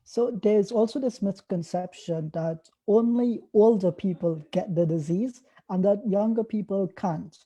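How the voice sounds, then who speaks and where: A woman interviews a guest and mostly gives short, attentive replies. Her voice is very dark and husky. She sounds engaged but says little. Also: medium pitch, a little slow, few pauses. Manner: attentive, brief responses.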